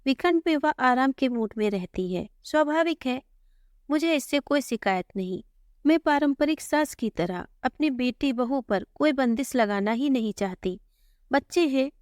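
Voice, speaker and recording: A woman with a fairly high voice gently recounts a family story in the first person, in a conversational way. When she voices the dialogue she keeps her own tone. A close microphone makes the sound dry, without room echo.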